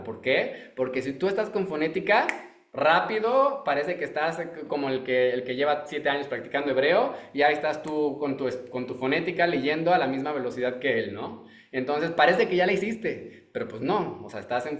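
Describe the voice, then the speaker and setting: A man's voice: on the high side, roomy sound. A man teaching a masterclass on prayer, often restarting and repeating phrases as he explains. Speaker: Torah teacher. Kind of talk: online masterclass lecture.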